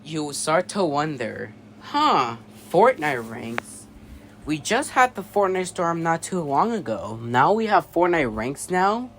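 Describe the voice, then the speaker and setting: Slow and sing-song, this fairly bright, high-leaning male voice belongs to a video creator narrating a fictional alert scenario he wrote. He performs the amateur mock emergency broadcast in an announcer-like manner, stumbling on words now and then, over noticeable background noise.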